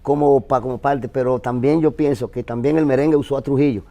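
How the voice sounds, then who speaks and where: Mellow-voiced Dominican man making a point. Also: mid-range voice, steady tone, brisk. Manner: earnest, interjecting to make points. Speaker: panelist. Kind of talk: panel discussion.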